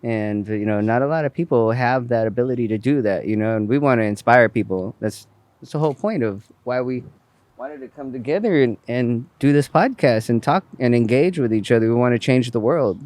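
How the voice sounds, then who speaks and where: A male podcast host speaks earnestly and supportively to his guest. His voice sits at an everyday middle pitch. The recording is dry, with no room sound. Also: brisk, darkish tone, dry recording. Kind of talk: podcast conversation.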